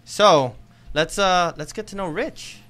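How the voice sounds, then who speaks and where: A man's voice: sits high, slow pace, a bit bright. A man in his thirties hosting a casual podcast, prompting his guest with friendly questions into a studio mic. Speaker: podcast host, tattoo artist. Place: small studio with red curtains. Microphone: studio mic on boom arm, headphones.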